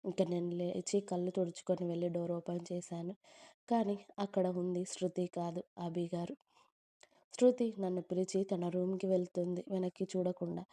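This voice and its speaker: A woman telling a first-person romantic story in a gentle, emotional, confiding way. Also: fairly low pitch, level tone, moderate pace, no echo.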